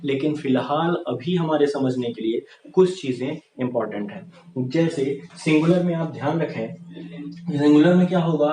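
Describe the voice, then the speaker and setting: A man's voice: on the high side, normal speed, dark tone. Echoey male grammar teacher. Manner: explains by asking questions and answering them himself, often says "ठीक है". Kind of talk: classroom-style grammar lesson. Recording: echoey room, far from the mic, with noise.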